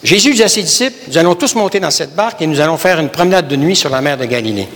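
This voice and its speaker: Québécois pastor preaching emphatically. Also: male voice, a little high, expressive, quick pace, a bit bright, long reverb tail. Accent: Québécois French. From Canada. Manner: emphatic, repeats phrases, addresses listeners as brothers and sisters. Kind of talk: sermon.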